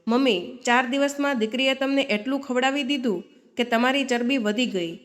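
A harsh, disrespectful grown son, as a woman storyteller puts him on, curt and accusing in a family storybook tale. The voice stays fairly high, close to the reader's own. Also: normal speed, natural voice.

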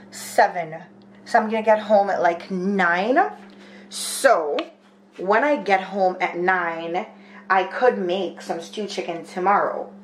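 Young woman, home vlogger, rambling casual chat, held camera close, faint room hiss. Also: mid-range voice. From Jamaica. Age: 20s. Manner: chatty, rambling, thinking aloud with many fillers. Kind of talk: casual daily vlog chat. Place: small home kitchen and spare room indoors.

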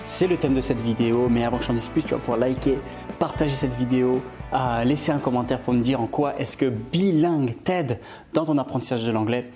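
A man's voice: medium pitch, fairly quick, mellow, faint music behind. A man from Scotland, an online English teacher, giving an upbeat motivational video lesson and switching between French and English.

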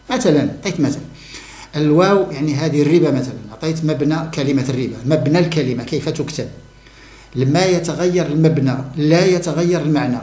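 A man's voice: on the high side, darkish tone, echoey room. A man giving an emphatic monologue to camera, repeating key words for stress. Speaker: religious commentator.

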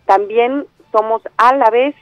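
A woman with a fairly high voice speaks slowly, with no room sound, over a muffled telephone line. She is from Andalusia, Spain, has a Mexican-tinged Spanish accent, and directs a theatre company. In this phone interview she talks enthusiastically, with plenty of fillers and restarts.

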